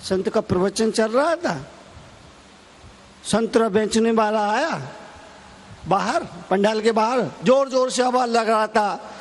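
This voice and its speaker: A man giving a fiery sermon as a monk preacher, shouting repeated refrains. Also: high-pitched, takes it slowly, pauses often. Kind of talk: Hindi sermon.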